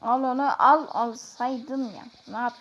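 A woman giving chatty, excitable commentary on her own gameplay, talking straight to her viewers. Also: sits high, unhurried. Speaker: gaming YouTuber. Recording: dull lo-fi sound.

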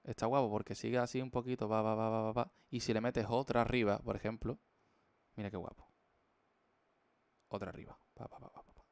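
A man's voice: fairly low pitch, level tone, fairly quick, long pauses, darkish tone, smooth, no room sound. A young man from chatting casually on a live stream while he draws, playful and full of slang. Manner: playful, slangy, jokey rambling.

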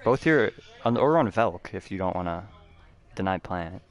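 Hyped gamer bro guy on squad chat, lowish voice that jumps all over, lots of slang. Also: expressive, normal speed. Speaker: online gamer. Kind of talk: casual in-game squad chat.

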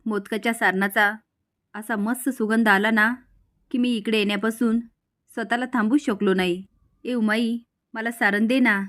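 A woman's voice: fairly high pitch, steady tone, normal speed, fairly bright tone, lightly acted. A woman voicing a playful young man who coaxes and wheedles for sweets in a storybook recap. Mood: wheedling. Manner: wheedling, coaxing.

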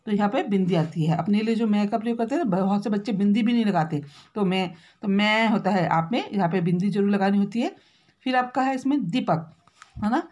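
Woman teacher spelling words out slowly. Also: mid-range voice, a little mellow. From Uttarakhand, India. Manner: slow, drawn-out spelling out of words; constant tag questions to pupils. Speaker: primary school teacher. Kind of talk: spelling lesson for children.

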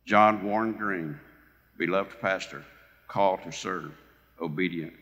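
A man slowly reading a heartfelt written tribute to his father at a church banquet. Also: low voice, fairly bright tone. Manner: slow, solemn, heartfelt reading. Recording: long reverb of a banquet hall.

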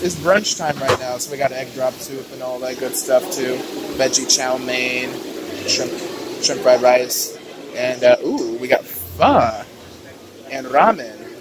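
This noisy phone video follows a young male vlogger narrating a casual walk through a large indoor buffet, cheerful and full of "ooh"s and "uh"s. He talks at a moderate pace in a mid-range voice, with diners chattering and plates clattering around him.

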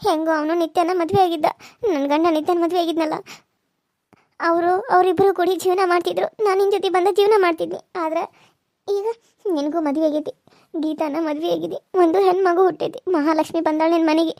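A woman's voice: extremely high pitch, steady tone, a little mellow, no echo, studio quality. A woman voicing a distressed young village wife in a cartoon serial, pleading and tearful. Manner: pleading, tearful, fast and pressing.

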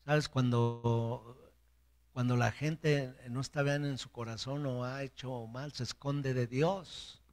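A man's voice: mid-range voice, steady tone, slow pace, darkish tone. A man preaching a sermon as pastor, acting out biblical voices and speaking straight to his congregation.

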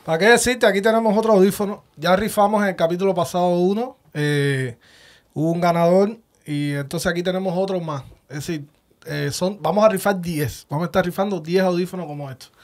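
An upbeat man hosting a casual interview, his voice sitting somewhat higher than most men's. He moves briskly between promos and questions for his guest. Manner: upbeat, pitches giveaways and subscriptions. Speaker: host.

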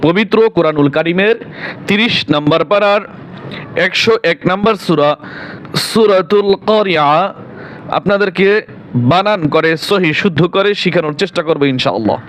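A man teaching Quran reading, spelling out syllables one by one and then reciting them in a patient, drawn-out sing-song. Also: high-pitched, fairly bright tone, slight background noise. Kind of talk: spelling out and reciting verses slowly.

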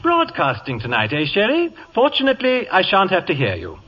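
An actor playing a witty, vain English playwright with a breathy, theatrical manner in a 1950s radio drama. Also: male voice, high voice, huge pitch swings, fairly quick, pushed and bright, slight background noise, exaggerated voice. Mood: flamboyant. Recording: dull lo-fi 1950s radio broadcast with long reverb.

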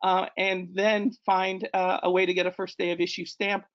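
A man's voice: sits high, flat delivery, normal speed, dull audio. A man in his forties, born in Ecuador, giving an online slideshow talk as a guest presenter, hesitant, with many fillers and self-corrections. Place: indoor room. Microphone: video call.

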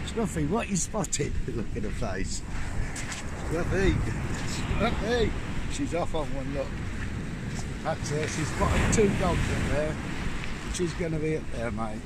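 A man's voice: on the high side, very animated, takes it slowly, pauses often. A man filming his dog on a beach with his phone, chatting to viewers and coaxing the dog along in a sing-song voice. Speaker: vlogger. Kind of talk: casual vlog narration while walking a dog. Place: open beach by the sea, outdoors. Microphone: phone camera held in hand. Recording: wind-blasted phone audio on a beach. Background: loud wind and crashing waves.

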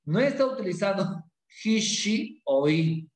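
A male English teacher quizzes his students in a playful, animated way. His pitch moves a lot while his pace stays slow and deliberate. The room echoes around him. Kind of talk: classroom lesson.

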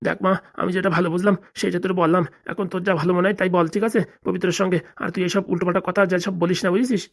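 A woman's voice: fairly low pitch, fairly even intonation, very fast. A woman voicing a stern, hot-tempered older father in a cartoon, blustering and threatening. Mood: fatherly advice. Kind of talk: cartoon voice acting.

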